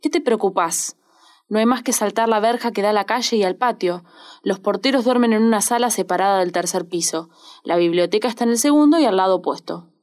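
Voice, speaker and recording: A woman's voice: mid-range voice, brisk, a little mellow, close to an everyday voice. A woman with a Rioplatense accent reading the lines of a smug, self-assured young male thief who reassures his partner in a confidential tone. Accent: Rioplatense Spanish.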